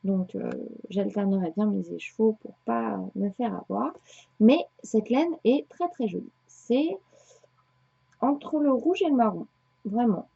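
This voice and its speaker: A woman's voice: medium pitch, a little slow, creaky, dark tone, breathy edge. A woman in her thirties chatting casually to viewers about her knitting and sewing projects, rambling with many hesitations. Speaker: knitting podcaster. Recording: dull lo-fi home recording.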